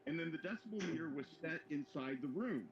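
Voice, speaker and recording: Speaking quickly with a fairly high, expressive voice, a co-host of a live hobby show about modeling wanders through a long story, restarting it again and again. The recording sounds roomy and dull, with faint noise behind it.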